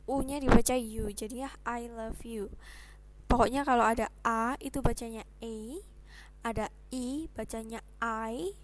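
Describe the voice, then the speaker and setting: A young woman gives a casual online lesson on English pronunciation in a slightly high voice. She explains slowly and patiently, dropping in chatty asides.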